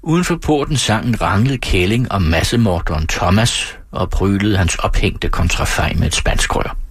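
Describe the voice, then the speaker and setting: Casting: male audiobook narrator, deep husky voice, measured storytelling, dry close sound. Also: lively intonation, no room sound. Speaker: audiobook reader. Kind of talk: scripted literary narration.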